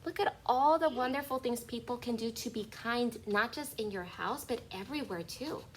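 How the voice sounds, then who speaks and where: On an online class call, a woman who teaches kindergarten reads a picture book to small children, addressing them directly with expression and instruction. Her voice is fairly high and her pace normal, with slight background noise.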